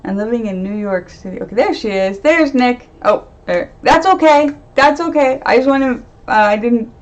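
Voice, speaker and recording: A woman's voice: on the high side, lively intonation, normal speed. A woman doing a casual live-stream tarot reading, chatty, laughing often and trailing off into fillers. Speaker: medium and tarot reader. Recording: dull lo-fi stream audio.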